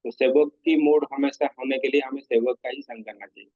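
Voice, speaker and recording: A man's voice: mid-range voice, fairly even intonation, normal speed, no echo. A man moderating a devotional class, politely thanking the teacher and recapping points with some hesitations. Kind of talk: summarizing and thanking the speaker. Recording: dull dry lo-fi audio.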